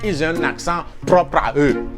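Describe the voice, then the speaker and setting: A man telling a made-up history as a comic story, animated and repeating words for laughs. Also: on the high side, normal speed, music in the background. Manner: animated, repeats words for comic effect, mimics local accents. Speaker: comedian telling a mock history.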